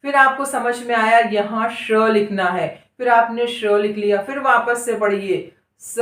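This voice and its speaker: A woman teaching Hindi reading, sounding out each syllable slowly and asking her students questions. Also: mid-range voice. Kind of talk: slow syllable-by-syllable reading lesson. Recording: echoey room.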